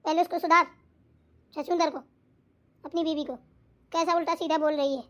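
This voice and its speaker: Woman voicing a shrill nagging old mother-in-law. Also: fairly even intonation, moderate pace, a bit bright. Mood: scolding, shrill. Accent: Bundelkhandi. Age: older. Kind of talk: cartoon voice acting.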